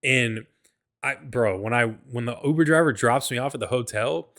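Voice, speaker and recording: A man's voice: mid-range voice, normal speed, a bit bright. A man hosting a solo podcast, telling a travel story in a rambling, profane way, full of "like" and "bro," often stumbling and restarting. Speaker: podcast host.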